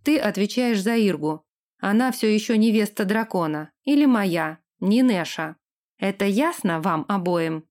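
A woman's voice: medium pitch, expressive, a little slow, a little mellow, lightly acted. A woman reading an audiobook, voicing a scheming, harsh young lord who gives orders. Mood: commanding. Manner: harsh, commanding.

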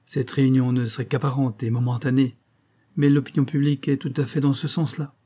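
Voix d'homme : un homme qui lit un médecin froid et mesuré, timbre sombre. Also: male voice, mid-range voice, little pitch movement, dark tone, husky, natural voice. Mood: cool. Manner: measured, cool. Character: male doctor friend, cold, measured.

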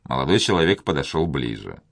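A man narrating an adventure novel in a measured, even reading voice. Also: extremely low pitch, vocal fry, no room sound, studio quality. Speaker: audiobook reader. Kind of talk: scripted narration.

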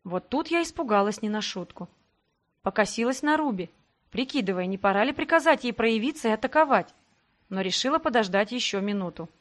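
A woman reading a first-person fantasy audiobook in a dramatic, expressive way. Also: on the high side, brisk. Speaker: audiobook narrator.

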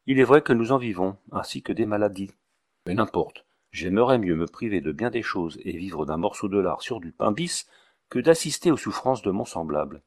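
A man's voice: on the low side, very animated, normal speed. A man voicing a fussy, long-winded male village doctor who speaks in a pompous, ceremonious way.

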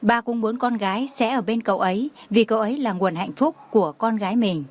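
A woman voicing a gentle, consoling older father who speaks kindly to his daughter. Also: a little high, fairly quick, natural voice.

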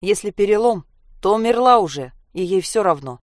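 A stout, calm man who reasons steadily through a tense moment, read by a woman. The voice is even and a touch raised in pitch. It is a storybook reading with a dry, close sound. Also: normal speed, no echo, close to an everyday voice. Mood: calm, reasoning.

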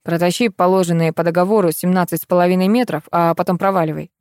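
A woman's voice: fairly low pitch, steady tone, fast talker, darkish tone, no room sound, lightly acted. Woman playing a fed-up young husband, pedantic, irritated, dry close sound. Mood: exasperated. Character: exasperated young husband arguing over money.

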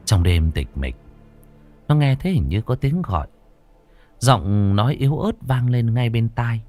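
A man narrating a ghost story in a dramatic, expressive way. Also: medium pitch, unhurried, faint music behind. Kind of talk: scripted horror narration.

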